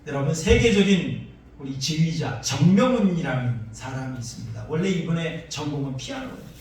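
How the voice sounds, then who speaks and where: A man's voice: a little high, animated, moderate pace, a little mellow, distant mic. A man preaching a sermon as pastor, with an emphatic, repetitive cadence, in a church sanctuary. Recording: echoey church hall, voice from afar.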